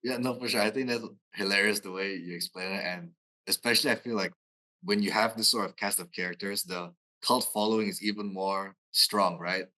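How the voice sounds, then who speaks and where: A man's voice: fairly low pitch, fairly even intonation, brisk, sharp tone, rough recording. A man hosting an interview podcast, affirming and curious as he asks questions. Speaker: podcast host. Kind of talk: casual interview chat.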